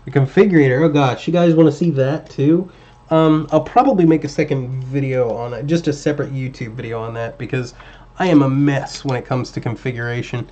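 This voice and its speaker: A man hosting a casual livestream while building a drone, chatting with viewers and muttering to himself as he works, his voice slightly hoarse. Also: medium pitch, brisk, lo-fi sound. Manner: relaxed, chatty, muttering at parts while working.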